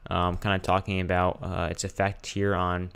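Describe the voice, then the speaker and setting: A man's voice: sits low, monotone, moderate pace, vocal fry, fairly bright tone, clean tone. A man giving casual live weather commentary as a streamer, informal and hesitant, often thinking aloud as he checks his screen.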